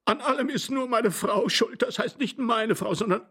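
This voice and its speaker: A man's voice: on the high side, normal speed, gravelly, slightly rough, voice pushed up. An actor voicing a desperate man who pleads and stammers, his voice breaking into sobs. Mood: pleading.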